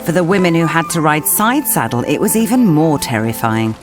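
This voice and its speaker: A woman narrating a television documentary in a measured, scripted storytelling manner. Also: deep voice, very animated, music in the background.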